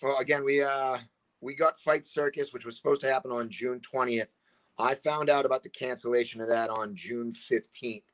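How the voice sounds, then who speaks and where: A man's voice: mid-range voice, steady tone, moderate pace, a bit bright. A man, a guest on a video call, talking in a rambling way and often asking "you know what I mean". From Massachusetts. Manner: rambling, repeats 'you know what I mean'. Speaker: guest, combat sports promoter. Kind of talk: casual video call chat. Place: indoor room at home. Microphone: video call webcam.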